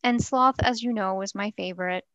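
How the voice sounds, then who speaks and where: A woman co-hosting a casual movie podcast, wry and soft-spoken, laughing as she talks. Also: medium pitch, moderate pace, clear, resonant tone, dry recording, dull audio. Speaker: podcast co-host. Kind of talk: casual chat about a movie.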